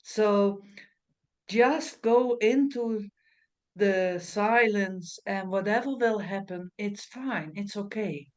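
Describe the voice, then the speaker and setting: A woman teaching guided meditation in a soothing, mesmerizing way with unhurried pauses and non-native English phrasing. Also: mid-range voice. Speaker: trance meditation teacher and medium.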